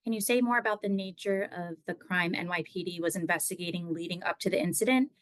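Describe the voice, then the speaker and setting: Businesslike woman moderator, low-pitched and dry. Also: fast, no echo. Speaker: press briefing moderator. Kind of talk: reading out reporters' questions.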